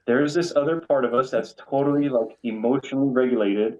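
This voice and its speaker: A man's voice: medium pitch, fairly even intonation, fairly quick, mellow. A man calling in over a video call that keeps breaking up, rambling casually with lots of filler "likes". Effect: choppy audio breaking up. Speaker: call-in guest. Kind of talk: casual chat. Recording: dull lo-fi call audio.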